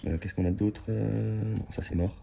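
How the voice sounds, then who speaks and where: A man's voice: fairly low pitch, fairly even intonation, moderate pace, creaky, dark tone, a little hiss or hum. A man giving casual running commentary to his viewers while scratching lottery tickets, repeating words as he checks them. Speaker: scratch-card vlogger.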